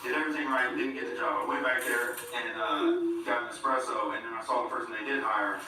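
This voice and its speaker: A man's voice: mid-range voice, steady tone, brisk. A man doing a stand-up set on stage with a wry, incredulous delivery. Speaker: stand-up comedian. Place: stage in a comedy venue. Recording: echoey venue from far off with music.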